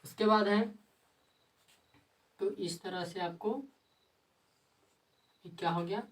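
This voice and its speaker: Teacher, off-mic. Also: male voice, high voice, steady tone, distant mic, rough recording. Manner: repetitive, asks and answers his own questions; dictates slowly word by word. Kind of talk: grammar lesson at a board.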